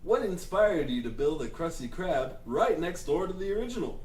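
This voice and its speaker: A man's voice: a little high, big pitch swings, moderate pace, a little mellow. A man voicing an upbeat male fish TV news reporter with a hammy newscaster delivery, in an amateur fan reading. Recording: echoey room, mic at a distance.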